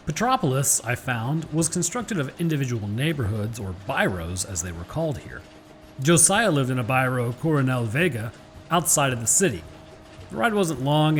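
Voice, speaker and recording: A man narrates a scripted horror story over faint background music. His delivery is measured and literary, with a formal turn of phrase. His mid-pitched voice rises and falls widely as he tells the tale.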